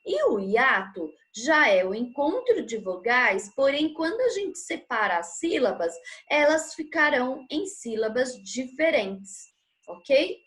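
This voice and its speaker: A woman's voice: high-pitched, very animated, slow, fairly bright tone. A woman teaching a grammar lesson, patiently explaining and checking in with short tag questions.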